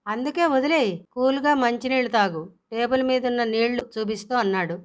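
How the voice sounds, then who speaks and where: A woman storyteller narrating an audio story and voicing its characters with small pitch shifts. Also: brisk.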